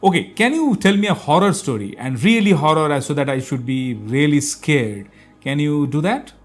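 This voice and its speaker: A man's voice: fairly high pitch, expressive, moderate pace. A man with an Indian accent, from India, hosting a step-by-step tech tutorial and chatting with a voice assistant, explaining with plenty of fillers.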